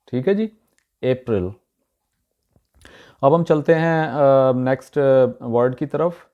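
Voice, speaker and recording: A man teaches pronunciation on his channel. His voice is mellow and sits at a middle pitch, and he slows down to repeat each word with frequent "uh" pauses. The recording sounds a little dull. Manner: repeats example words slowly, many "uh" pauses. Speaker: YouTube teacher. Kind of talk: pronunciation lesson.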